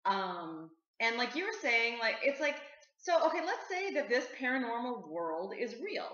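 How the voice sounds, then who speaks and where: A woman's voice: on the high side, sing-song, normal speed, fairly bright tone, echoey room, dull audio. A woman hosting a casual interview chat, eager and affirming, who laughs easily. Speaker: host.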